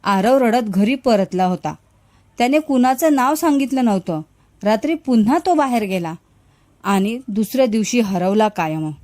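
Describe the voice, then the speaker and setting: A weeping middle-aged mother from a spoken ghost story, her voice pitched up and trembling with guilt and grief. She talks through tears, as a woman storyteller acts her out. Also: normal speed, darkish tone, close to an everyday voice. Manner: tearful, trembling.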